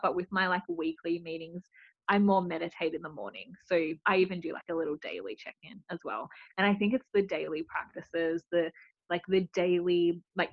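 A woman with a low-pitched voice speaks as a podcast guest in casual chat, explaining her ideas thoughtfully and often saying "like." The audio is dry and close, with a dull lo-fi tone. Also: no echo. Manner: explanatory, thoughtful, frequent "like" fillers.

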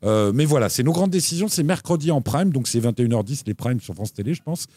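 A man co-hosting a casual chat show about TV and streaming picks, talking in an animated way with lively jumps in pitch. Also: fast, dry recording. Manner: animated, lively pitch swings, frequent restarts. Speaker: co-host recommending TV shows.

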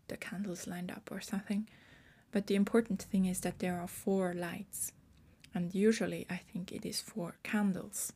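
Her voice is lowish and darkish with a breathy edge as this twenty-something Swiss podcaster walks listeners through her topic with care. She keeps correcting her wording along the way.

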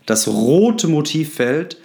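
A man hosting a solo podcast, speaking directly to the listener with advice, often pausing with fillers and restarting his sentences. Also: fairly high pitch, animated, darkish tone. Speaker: podcast host.

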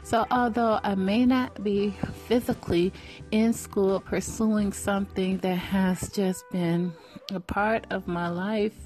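Earnest woman, 40s, mellow tone, faint music under her, preacherly motivational talk. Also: medium pitch, steady tone, slow pace. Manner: earnest, preacherly, repeats phrases for emphasis. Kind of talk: faith-based motivational talk.

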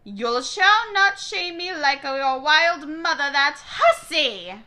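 A woman's voice: on the high side, sing-song, a little slow, bright, forceful tone, full character voice. A woman voicing a harsh old grandmother who rants stern commands, read aloud from a romance novel. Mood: ranting.

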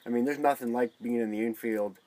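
A man speaking as an interview guest in a casual chat, halting and repeating words as he goes. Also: mid-range voice, fairly even intonation, a little mellow, rough recording.

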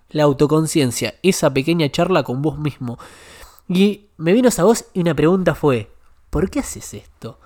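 A young man with a Rioplatense Spanish accent tells a personal story on a casual podcast. His voice sits a little high for a man, and he is animated and confessional, piling up repeated words for emphasis. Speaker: guest.

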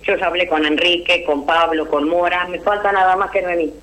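A middle-aged woman with an Argentine accent calling in to a radio show, chatty, loud and laughing. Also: lowish voice, fairly even intonation, fairly quick, low-quality recording. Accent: Argentine Spanish. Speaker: radio caller.

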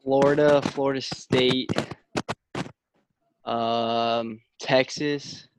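A man playing in a trivia game, heard over a video call, who answers with halting, hesitant guesses. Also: medium pitch, steady tone, background noise. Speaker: trivia contestant.

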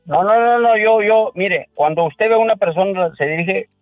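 Man caller, chatty storyteller, phone-line audio, slightly high voice. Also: moderate pace, dry recording, faint music behind. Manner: chatty storyteller, protests with repeated "no, no".

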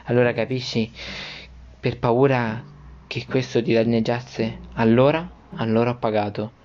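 A man voicing a frail gentle old father. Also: mid-range voice, steady tone, measured pace, muffled recording, a little hiss or hum, lightly acted. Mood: apologetic. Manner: soft, reassuring.

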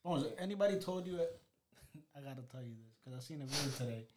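A man's voice: fairly high pitch, brisk, echoey room, noisy background. A man hosting a podcast in casual chat, acting out quotes as he tells stories. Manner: animated storyteller, acts out quotes. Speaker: podcast host.

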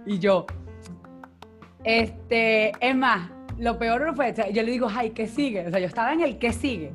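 Lively Venezuelan-born woman telling a story. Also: a little high, unhurried, faint music behind. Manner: animated, acts out quoted dialogue. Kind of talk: casual storytelling on a call.

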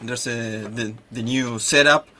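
Guy co-hosting a podcast, casual, kinda apologetic and jokey, medium pitch, bit of noise. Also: fairly even intonation, measured pace, pushed and bright. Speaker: co-host and interpreter. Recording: faint ambient background noise.

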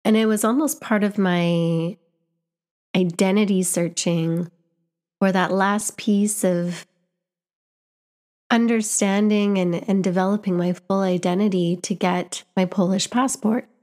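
A young woman from Canada, who is a vlogger and a teacher, speaks to camera in a medium-pitched, darkish voice, steady and at a measured pace. Her reflective, earnest monologue is full of restarts and repeated words as she searches for what to say.

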